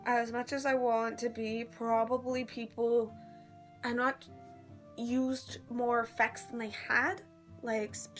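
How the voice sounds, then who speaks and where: A woman vlogger holds her phone at arm's length and casually chats about a live-action role-play event she attended, rambling and slangy as she tells the story. Her voice is a little high and a bit bright.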